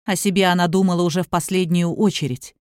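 A woman reading the lines of a calm, authoritative younger man who speaks quietly but firmly. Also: on the low side, quick pace, no echo, studio quality, soft background music, lightly acted. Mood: stern. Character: calm, commanding younger man, protective suitor.

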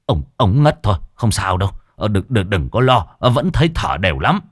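A man's voice: lowish voice, big pitch swings, a little fast, no room sound, studio quality. A man voicing a jovial village neighbor who stammers and brags. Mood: reassuring. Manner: stammering, reassuring then bragging.

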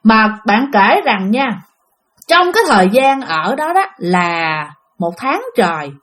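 A woman's voice: on the high side, slow pace. A woman with a Southern Vietnamese accent casually narrating a ghost story, addressing her listeners directly. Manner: lively, animated retelling addressing listeners.

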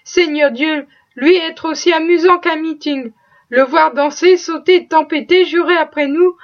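A woman voicing a sly, boastful male stable hand who exclaims loudly and plays innocent, in a storybook reading. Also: sits high, a little slow. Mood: gleeful. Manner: exclaiming, mock-innocent, excitable. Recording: dull lo-fi recording.

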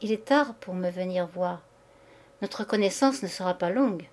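A woman's voice: fairly low pitch, moderate pace, a little mellow, lightly acted. A woman reading as a dying dignified old man. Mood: solemn. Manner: weak, breathless but clear.

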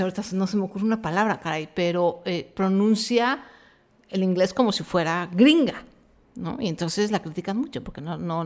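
A woman's voice: medium pitch, darkish tone. A middle-aged Mexican woman with a Mexican accent, hosting a podcast in a frank, chatty monologue full of slang and fillers. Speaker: podcast host. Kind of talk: casual chat monologue.

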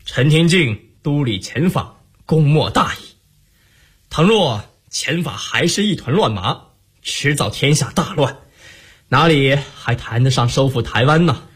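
An actor playing a commanding, wry emperor in a radio drama, speaking in a measured, imperial way. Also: male voice, medium pitch, expressive, slightly rough. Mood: approving.

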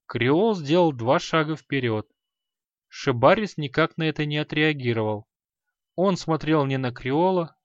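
A man narrating a fantasy novel in a measured, expressive way, at an ordinary mid-range pitch. The recording sounds slightly dull, close and dry, with no room around the voice. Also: dry recording. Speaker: audiobook narrator.

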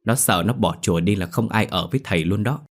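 A stubborn, nervous young man in a spoken ghost story, read by a male narrator. His low voice talks bluntly and slides into pleading. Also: quick pace.

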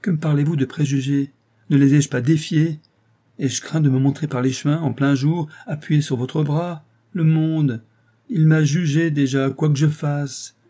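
A man's voice: medium pitch, dark tone, pitched above the performer's own voice, natural voice. A man reading aloud and voicing a proud, anguished young noblewoman in an audiobook, speaking in a tender, impassioned way.

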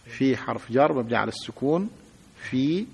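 Husky-voiced man teaching in an echoing hall. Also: medium pitch, lively intonation, moderate pace. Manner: patient, repeats examples, quizzes students. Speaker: sheikh teaching grammar. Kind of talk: classroom grammar lesson. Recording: long hall reverb.

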